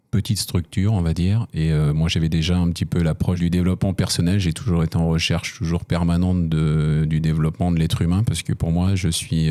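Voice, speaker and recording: Executive man, very low pitch, earnest and emphatic. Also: warm tone. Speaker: company executive. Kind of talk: round-table business discussion.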